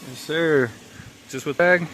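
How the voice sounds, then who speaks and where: A man's voice: fairly high pitch, slow pace, fairly bright tone, a little hiss or hum. A man filming a casual family vlog. He talks in a playful, teasing way to his family and laughs often. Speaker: family vlogger. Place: outdoors in snowy mountains and in a truck.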